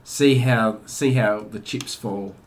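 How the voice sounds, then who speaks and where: A man's voice: lowish voice, slow pace, a little hiss or hum. Male co-host, dry and wry, easy conversational pace. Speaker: podcast co-host. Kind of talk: casual chat.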